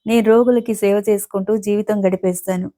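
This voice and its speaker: A woman's voice: medium pitch, steady tone, a little fast, warm tone, natural voice. A woman voicing a firm, caring woman of thirty. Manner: firm, direct.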